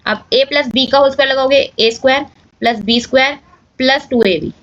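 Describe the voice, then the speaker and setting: A woman's voice: high-pitched, a little fast, fairly bright tone, highs cut off. A woman teaching maths step by step in a casual manner, often checking in with viewers. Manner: casual, addresses viewers as guys, checks with "clear?".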